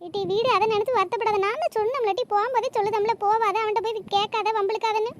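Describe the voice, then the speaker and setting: A woman's voice: very high-pitched, fairly even intonation, fast. A woman voicing a bossy but caring village neighbor in a cartoon, lecturing. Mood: scolding. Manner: scolding, lecturing. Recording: noisy cartoon voice track.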